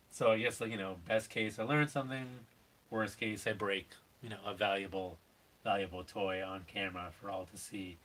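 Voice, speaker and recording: A man's voice: on the low side, fairly bright tone. A middle-aged man with a nasal voice, chatting casually and self-deprecatingly on a live stream about toy collecting, rambling with many fillers. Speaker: toy collector and channel host.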